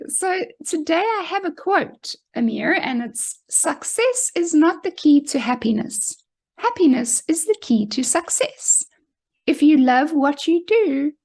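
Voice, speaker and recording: A woman's voice: sits high, a little mellow. A woman hosting an interview podcast, talking in an encouraging, inviting way. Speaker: podcast host. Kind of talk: casual interview chat.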